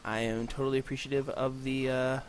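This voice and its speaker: A medium-pitched man with little pitch movement hosts a gaming channel, rattling off casual let's play commentary at a brisk clip. He's rambling and self-mocking, a bit congested from allergies, and talks from a room with no acoustic paneling against a noisy background.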